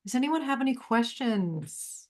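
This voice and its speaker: A woman's voice: a little high, lively intonation, a little slow. Earnest rambling woman host. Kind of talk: online community talk.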